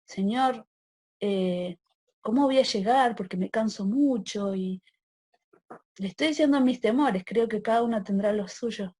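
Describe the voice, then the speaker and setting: A woman's voice: mid-range voice, unhurried, mellow, slightly rough. A pregnant woman in her forties with a Rioplatense Spanish accent, teaching the Bible to a women's church meeting in a conversational way and checking in with her listeners. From Argentina. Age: 40s. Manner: asks the listeners for agreement with a rising sí; acts out prayers and quoted complaints in changed voices.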